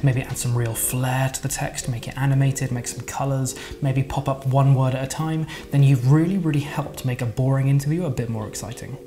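A man's voice: medium pitch, brisk, hardly any pauses. Chatty man explaining video editing. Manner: chatty, relaxed, with fillers and laughs. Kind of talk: casual screen-recorded tutorial.

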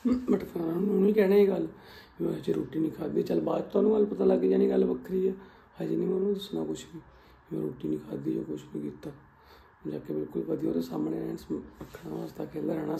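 A man talking casually to the camera in a family vlog, in a quiet, subdued way. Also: a little high, vocal fry, slight background noise. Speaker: family vlogger.

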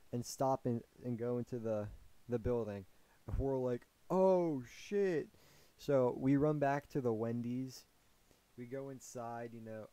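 A young man tells a story for his vlog audience in a loose, rambling way. He is full of fillers and restarts, and his voice sits mid-range with a mellow, soft tone. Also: mid-range voice. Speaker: vlogger.

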